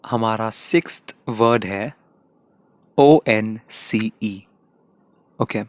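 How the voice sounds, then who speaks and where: A man teaching English pronunciation in a casual, explanatory lesson, repeating each word slowly to model it. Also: on the low side, no room sound, studio quality. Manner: slow, repeats words, models sounds.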